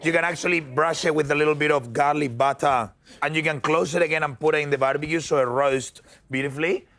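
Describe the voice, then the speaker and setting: A man, a TV chef, giving a lively cooking demonstration and talking through each step. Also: a little high, fast talker. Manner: upbeat, animated, talks through each step. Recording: music playing behind.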